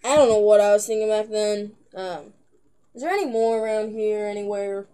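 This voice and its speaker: A woman's voice: mid-range voice, normal speed, warm tone, clean tone. A young teenage girl vlogging in a casual, rambling way, giggling and filling gaps with lots of "um"s. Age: young teen. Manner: rambling, giggly, with many filler words. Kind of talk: casual chat to camera.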